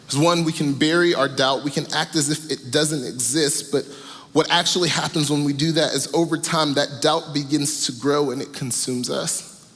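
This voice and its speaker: A man's voice: on the high side, fairly even intonation, normal speed, a bit bright, long reverb tail, faint music behind. A male pastor preaching a sermon, telling a story earnestly and stressing points through repetition. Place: church auditorium.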